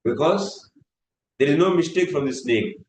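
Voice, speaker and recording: A man's voice: a little high, animated, darkish tone. A man giving a scripture class, speaking in an earnest, repetitive way. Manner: earnest, repetitive, swings between slow and fast. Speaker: spiritual teacher. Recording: echoey room with faint noise.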